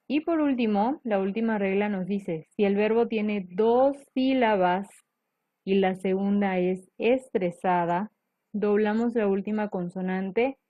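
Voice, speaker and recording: A woman teacher walks through grammar rules at a slow, unhurried pace, stopping often to check her students follow. The recording is dry and a bit dull and lo-fi. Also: mid-range voice, dry recording. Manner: patient, step-by-step, frequent "ok?" checks.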